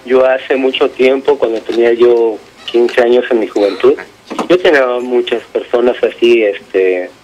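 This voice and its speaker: A man's voice: mid-range voice, normal speed, darkish tone, dull audio, slight background noise. Hesitant Mexican man on a call. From Mexico City. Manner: hesitant, keeps adding "right?". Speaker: prank-call target.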